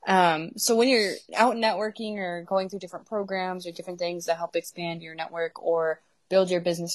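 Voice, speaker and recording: A woman's voice: on the low side, no room sound. A woman hosting an interview, asking long, rambling questions. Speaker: interview host. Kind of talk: casual interview chat.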